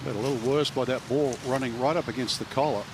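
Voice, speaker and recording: A man's voice: medium pitch, fast, noisy background. A man commentating live on golf as an analyst.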